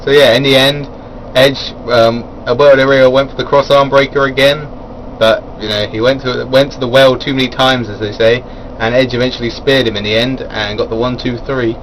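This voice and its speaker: In a loose spoken review of a wrestling show, a mid-pitched man stumbles over restarts and ums while chuckling at his side comments. His delivery is fairly quick and even in intonation, with few pauses and a slightly bright tone. The rough recording carries a faint air-conditioning hum.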